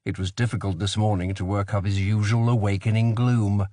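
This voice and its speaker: A man giving a steady, measured scripted narration of a thriller audiobook. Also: fairly low pitch, no room sound, clean studio sound.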